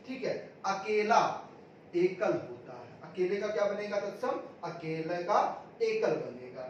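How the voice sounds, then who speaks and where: A man's voice: sits high, a little hiss or hum. A man teaching an exam-prep grammar lesson, drilling students with repeated questions and answers. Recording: echoey room, distant mic, dull sound.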